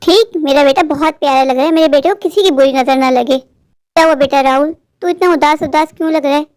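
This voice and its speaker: A woman's voice: high-pitched, a little fast, darkish tone, no room sound, clean studio sound, close to an everyday voice. A woman voicing a doting cartoon mother bird. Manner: fussing, affectionate. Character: doting middle-aged mother bird, fearful of loneliness. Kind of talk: cartoon voice acting.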